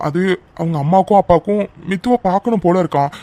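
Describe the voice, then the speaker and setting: A man's voice: sits high, quick pace, mellow, no room sound, lightly acted. A man voicing a young husband in a cartoon who frets and trades teasing banter with his friend. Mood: casual. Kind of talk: cartoon voice acting.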